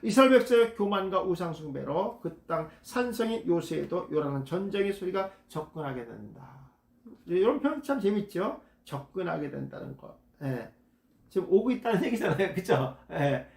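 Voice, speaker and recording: A man's voice: sits high, sing-song, normal speed, gravelly, darkish tone, echoey room. A man leading a Bible study lecture, reading passages aloud and explaining words, often repeating key terms. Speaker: Bible teacher.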